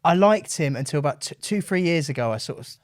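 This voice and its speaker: Fast-talking young man, dry close sound. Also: a little high, animated, no echo. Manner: quick, joking banter. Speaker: podcast co-host. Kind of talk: casual football chat.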